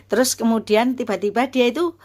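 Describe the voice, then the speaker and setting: A woman's voice: a little high, brisk, darkish tone. A woman in her fifties, a university lecturer, telling a personal story casually and earnestly, with many fillers and restarts.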